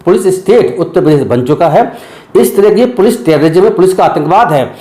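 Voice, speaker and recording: A man speaking as a former judge in a news interview, indignant and emphatic, firing off rhetorical questions. His voice sits a little high but sounds dark and mellow. The echo of the room is clearly audible. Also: lively intonation, a little fast.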